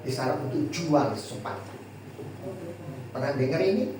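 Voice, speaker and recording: A male pastor preaching a sermon to a congregation, lively and jokey, often asking them questions. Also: mid-range voice, a little slow. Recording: echoey hall from far off, faint noise.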